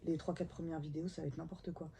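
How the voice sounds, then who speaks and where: A woman's voice: deep voice, flat delivery, fast, creaky, mellow, a little hiss or hum. A woman, probably in her thirties, chatting enthusiastically about her reading pile into a camera at home, with whispered asides. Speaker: book vlogger. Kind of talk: casual book haul chat. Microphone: camera mic.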